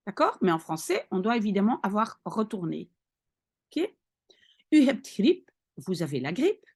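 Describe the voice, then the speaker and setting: A woman language teacher leads an online vocabulary lesson at an unhurried pace, her fairly high voice rising and falling a great deal. She reads each phrase carefully, translates it, and keeps checking that her students follow. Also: a little mellow. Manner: patient and explanatory, often checking "d'accord?" and "hein".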